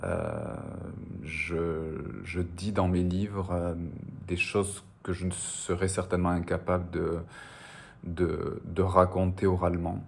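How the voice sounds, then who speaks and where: Speaking slowly in a low voice with vocal fry, a male novelist responds to questions about his work, yet stays animated. He grew up on the French Basque border with Spanish as his first language, and his reflective answers falter, full of fillers and repeated words.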